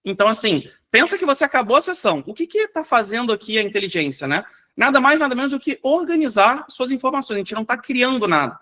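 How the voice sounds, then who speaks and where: A high-pitched Brazilian man rattles through a live software demo at a brisk clip. His tone is bright and forward, and he keeps tossing in "né?" and "gente" to the audience. The sound comes over a video call. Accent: Brazilian Portuguese. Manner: energetic, rapid, fills with "né?" and "gente". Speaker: software company founder presenting. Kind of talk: live online workshop demo.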